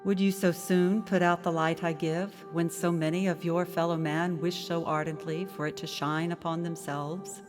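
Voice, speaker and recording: A woman's voice: on the low side, flat delivery, moderate pace, hardly any pauses, music in the background, close to an everyday voice. Woman as Ghost of Christmas Past, solemn childlike spirit. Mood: gently commanding. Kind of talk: audio drama acting.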